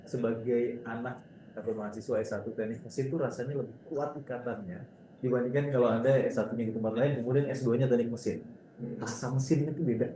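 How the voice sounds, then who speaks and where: A university lecturer from Indonesia, moderating a guest talk, gives informal, conversational closing remarks to students. His medium-pitched voice is mellow and fairly even, delivered at a quick pace. The room is echoey, with clear background noise.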